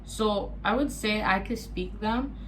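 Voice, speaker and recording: A young woman, a native French speaker born in Gabon to Congolese parents, chatting casually through a get-ready-with-me Q&A vlog with animated asides. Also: medium pitch, unhurried, a little hiss or hum, rough recording. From born in Gabon to Congolese parents, raised partly in the US. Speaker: vlogger.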